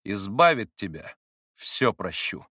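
A man's voice: lowish voice, big pitch swings, slow pace, bright, forceful tone, breathy edge, dry recording, studio quality, full character voice. A man reading Grushenka, a spiteful, venomous young woman. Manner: biting, poisonous tone.

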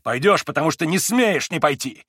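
A man voicing a feverish, tormented young man in an audiobook, husky and agitated, rising into anguished outbursts. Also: a little high, expressive, moderate pace, a bit bright, no echo, clean studio sound, pitched above the performer's own voice. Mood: bitter. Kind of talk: audiobook character reading.

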